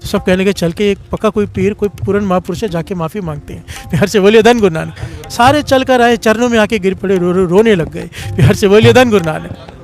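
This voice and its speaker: A man's voice: a little fast, faint music behind. A man preaching a devotional sermon, telling a story with half-sung phrases and calling out for the congregation to respond. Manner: storytelling, half-sung phrases, swells in pitch when moved.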